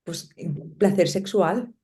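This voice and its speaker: A woman's voice: on the low side, takes it slowly, dark tone. A middle-aged woman with an accent from Spain, speaking as a podcast guest in casual conversation. She talks reflectively and keeps adding little tag questions. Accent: Spanish from Spain. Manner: reflective, pads her sentences with tag questions.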